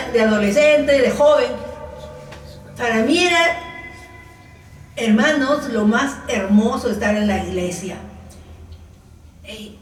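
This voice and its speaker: Older woman, sermon, fairly high voice, very echoey room, set back from the mic, faint hiss. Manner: addresses listeners as brothers constantly, laughs often. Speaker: preacher. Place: church. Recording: echoey church room, voice from the mic's distance.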